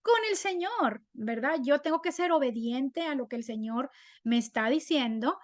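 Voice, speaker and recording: High-voiced, chatty woman. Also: normal speed, dry recording. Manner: animated, chatty, often asks "right?". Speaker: women's Bible study leader. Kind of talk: personal testimony teaching.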